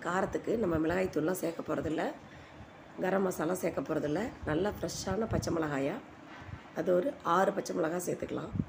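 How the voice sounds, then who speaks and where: A woman narrates a home recipe in a lowish, gravelly voice. She sounds hoarse, as if her voice is giving out. The voice-over is informal, with clear background noise. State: hoarse, voice giving out from a cold-weather strain. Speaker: home cooking video host. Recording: noisy home voice-over recording.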